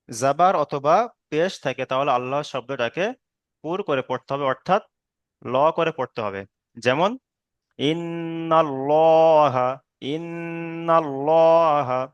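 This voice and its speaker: A man teaching Quran recitation rules in a patient online lesson, explaining slowly, checking in with students, and drawing out chanted examples. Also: medium pitch, fairly bright tone, no echo. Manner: drawn-out chanted Arabic examples.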